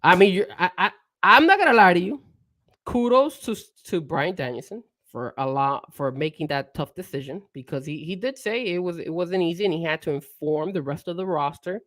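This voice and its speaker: A man's voice: high-pitched, lively intonation, brisk, fairly bright tone, no room sound, clean studio sound. A man co-hosting a casual wrestling talk show, ranting heatedly with cursing and rhetorical questions. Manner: rhetorical questions, laughs often. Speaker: co-host.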